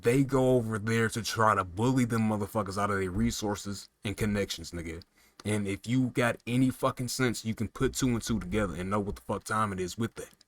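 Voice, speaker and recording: Fired-up man ranting, low dry voice. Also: brisk, no room sound. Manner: profane, heated, emphatic; rhetorical questions to the listener. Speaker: political commentator. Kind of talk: casual political rant.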